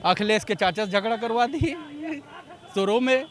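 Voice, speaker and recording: A man on a debate panel who insists on his claim and gets loud when he is challenged. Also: high-pitched, normal speed, some chatter behind.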